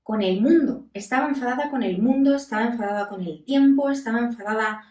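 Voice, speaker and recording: A woman psychologist and podcast host, her voice on the high side, gives a reflective self-help talk in a room with roomy echo and a distant mic. She's calm and candid, pausing often, and her voice breaks with emotion.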